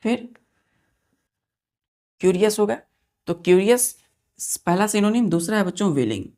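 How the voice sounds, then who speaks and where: A woman with a mid-range, dark-toned voice teaches English vocabulary to exam students at normal speed, sounding animated. She spells out words letter by letter and restates each meaning, checking with questions whether the children keep up.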